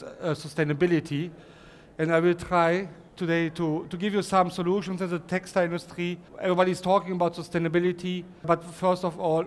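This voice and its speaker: A middle-aged man with a German accent, a native German speaker, giving a technical presentation with many halting restarts and repeated words. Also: high voice. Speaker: conference presenter.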